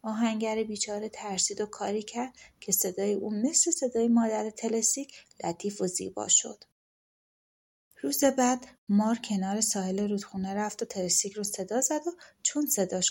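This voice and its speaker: Lady reading a fairy tale audiobook, calm and gentle, mid pitch. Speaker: audiobook narrator.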